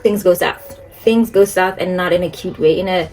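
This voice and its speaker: A woman's voice: on the low side, moderate pace, a little mellow, a little hiss or hum. A young woman chatting casually to a phone camera while doing her makeup, rambling and laughing often. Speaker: beauty and lifestyle vlogger.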